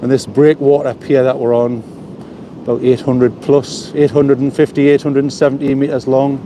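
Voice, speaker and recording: With a medium-pitched, flat voice at a moderate pace, a man from England's North East chats with viewers during a live walking vlog on a seaside pier. He rambles and repeats words while thinking, recorded on a small phone mic with background noise.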